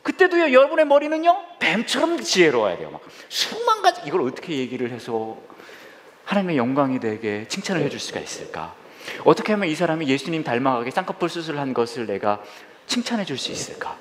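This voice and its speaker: A middle-aged man, a senior pastor, preaching a humorous sermon and acting out little scenes in squealing high voices. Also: huge pitch swings, a little fast, a bit bright. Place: church sanctuary. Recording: reverberant church hall.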